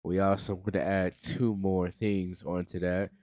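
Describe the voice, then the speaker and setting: Joking low-voiced man on a podcast. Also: level tone, measured pace, darkish tone, no echo, clean studio sound. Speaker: podcast co-host. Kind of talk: casual podcast banter.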